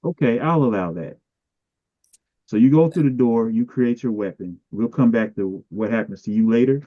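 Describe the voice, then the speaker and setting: A man's voice: medium pitch, moderate pace, no echo. A man running a tabletop game as game master, describing scenes and guiding players. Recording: dry, dull-sounding.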